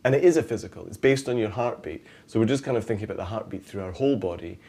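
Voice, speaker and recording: A man explaining in a relaxed interview manner. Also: fairly low pitch, racing, slight background noise. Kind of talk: interview talk.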